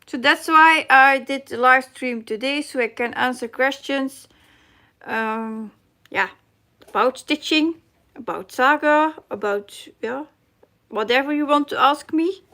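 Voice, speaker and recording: A middle-aged Dutch-accented woman hosts a casual cross-stitch live stream, reading comments aloud and searching for her English words. Her high voice is unhurried, bright and forceful.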